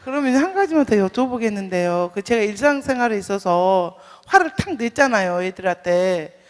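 A woman's voice: mid-range voice, animated, moderate pace. A woman in her thirties asking a question from the audience, hesitant and laughing as she speaks. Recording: hall reverb.

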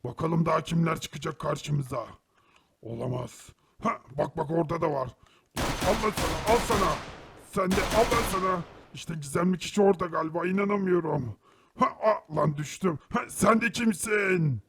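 A gruff, husky cartoon spirit. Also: male voice, fairly high pitch, normal speed, heavily acted. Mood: combative. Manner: gruff, shouting threats in fights. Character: ghostly male game creature, tough and short-tempered. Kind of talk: animated cartoon voice acting.

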